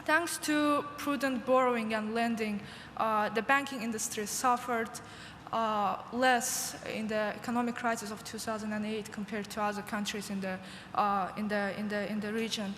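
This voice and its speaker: Halting woman speaking in an echoing hall. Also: on the high side, steady tone, fairly bright tone, a little hiss or hum. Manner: halting, with many fillers and restarts. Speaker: conference host. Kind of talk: formal welcoming speech. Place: large conference hall. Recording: echoey hall with faint ambience.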